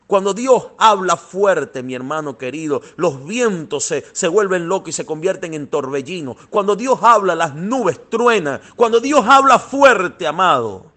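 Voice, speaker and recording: Male preacher, fervent sermon, high voice, very lively swooping delivery. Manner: fervent, addresses listeners as "amado"; swings between soft and thundering.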